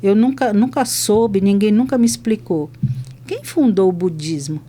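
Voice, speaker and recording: Mellow-voiced woman chaplain telling stories. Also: mid-range voice, moderate pace, a little hiss or hum. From Brazil. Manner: lively retelling that acts out both sides of conversations. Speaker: hospital chaplain. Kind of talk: podcast testimony storytelling.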